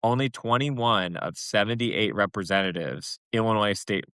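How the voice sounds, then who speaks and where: A man speaking casually in a loose, halting way over a video call, his mic cutting out so the volume comes and goes. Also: fairly low pitch, a bit bright, smooth, no room sound. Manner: loose, halting delivery with fillers. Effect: mic cutting out, uneven volume.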